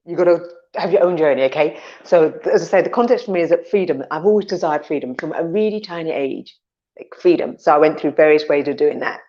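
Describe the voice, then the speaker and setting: A woman's voice: deep voice, fast talker, dark tone, highs cut off. A woman co-hosting a casual podcast chat, talking animatedly and acting out her inner voices, with some swearing. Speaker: podcast co-host.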